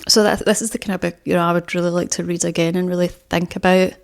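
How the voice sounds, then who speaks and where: Young woman, casual book chat, rambling, lots of fillers, low-ish flat voice. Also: quick pace, creaky. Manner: rambling, many fillers and restarts. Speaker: book vlogger. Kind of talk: casual book talk to camera.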